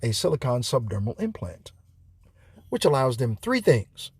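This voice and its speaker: A man's voice: mid-range voice, sing-song, moderate pace, darkish tone, husky, no room sound. A man preaching from scripture in a home video, rambling with profane asides. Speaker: self-styled preacher. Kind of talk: home video Bible teaching.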